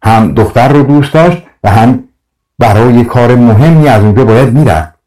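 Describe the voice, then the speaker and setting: A man narrating folk tales for an audiobook in a calm, even storytelling manner. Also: mid-range voice, far from the mic, low-quality recording.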